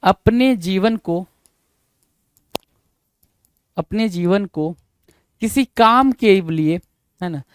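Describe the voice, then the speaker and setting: A man teaching English idioms for exam preparation, mixing Hindi and English. He repeats each phrase slowly and keeps putting rhetorical questions to his students. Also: high-pitched, a little hiss or hum. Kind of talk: exam-prep lesson.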